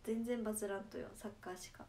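A woman's voice: mid-range voice, steady tone, quick pace, darkish tone. A young woman from Nagasaki speaking in Nagasaki dialect, chatting playfully with viewers on a casual livestream and laughing often. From Japan, Nagasaki. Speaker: idol livestreamer.

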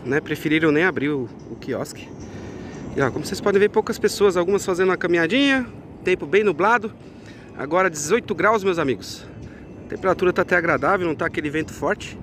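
A Brazilian vlogger with a somewhat high voice chats casually with viewers, calling them friends, as he strolls through a market and along a beach. He's filmed outdoors on a handheld phone, and background noise comes through.

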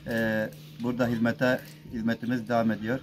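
A man's voice: medium pitch, flat delivery, a little fast. A middle-aged man, speaking like a street vendor calling out his fresh goods item by item. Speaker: shopkeeper and snack vendor at a roadside rest stop. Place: roadside shop and its open-air front. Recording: noisy on-location sound with ambience.

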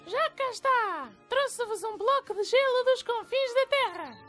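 Cartoon boy frog, very high, slow-paced, plucky, sweet, European Portuguese accent. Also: expressive, fairly bright tone, soft background music, full character voice. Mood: cheerful.

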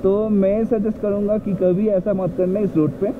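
A man's voice: high-pitched, little pitch movement, normal speed, narrow, tinny audio, noisy background. A man riding a motorbike, explaining the road in a casual, chatty way as a travel vlogger. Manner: chatty, explanatory, mixes in English words. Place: on a motorbike on an open mountain road.

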